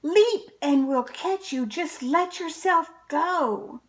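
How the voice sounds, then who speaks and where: Friendly animal pals for a picture book, voiced by a woman: high, loud, cheery, calling out encouragement. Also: takes it slowly. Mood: cheery, urging.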